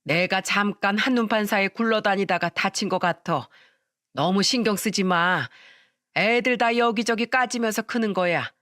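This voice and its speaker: A woman voicing an irritable older mother-in-law who scolds and complains in a sharp, loud way. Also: medium pitch, moderate pace, no room sound, studio quality, close to an everyday voice. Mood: dismissive.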